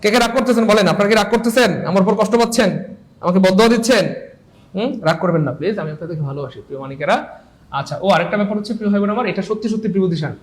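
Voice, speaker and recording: A man's voice: high voice, rapid-fire, roomy sound, rough recording. Playful man teaching grammar. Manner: playful, teasing, repeats phrases. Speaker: English teacher. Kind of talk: live online grammar lesson.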